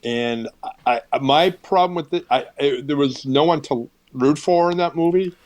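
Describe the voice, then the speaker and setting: A man's voice: on the high side, moderate pace, a little mellow, no echo. Hesitant fifties male guest, dry close video-call sound, casual film talk. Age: 50s. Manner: hesitant, many restarts. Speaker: podcast guest. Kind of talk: casual movie chat.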